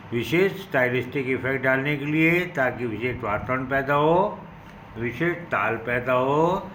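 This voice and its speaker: Slow, deliberate male teacher. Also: mid-range voice, pushed and bright, a little hiss or hum, rough recording. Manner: slow, deliberate, reads each English phrase then explains it in Hindi; addresses students as son. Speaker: English teacher. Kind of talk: bilingual lecture.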